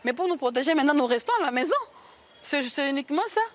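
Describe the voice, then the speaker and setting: Halting woman judge, slightly high voice. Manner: halting, repeats words. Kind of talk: interview.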